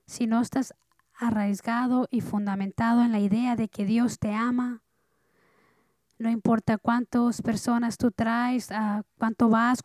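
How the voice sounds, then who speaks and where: A woman pastor preaching a sermon earnestly, dropping soft and then rising loud. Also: fairly high pitch, no echo.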